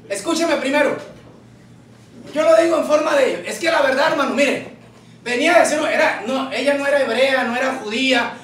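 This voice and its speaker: Fervent pastor in an echoing hall. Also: male voice, very high-pitched, a little hiss or hum. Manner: fervent, shouting, calls out to the congregation. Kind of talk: sermon. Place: church hall. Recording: echoey church from far off.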